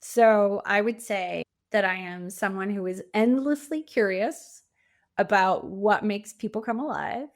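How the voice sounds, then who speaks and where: A middle-aged woman, a coach and author appearing as a podcast guest, answers interview questions in a conversational way. Her medium-pitched voice is unhurried, and she sounds reflective and earnest, stressing key words.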